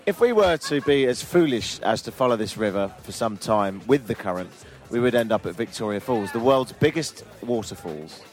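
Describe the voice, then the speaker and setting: A man's voice: medium pitch, animated, moderate pace, few pauses. A man hosting a travel vlog outdoors on a river boat, speaking in a dry, self-deprecating, joking way. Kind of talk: casual travel chat.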